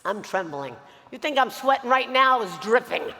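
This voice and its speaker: Bright, high-voiced woman speaking on stage. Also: normal speed, long reverb tail. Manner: animated storytelling, addresses the audience directly. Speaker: motivational speaker. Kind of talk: motivational stage speech.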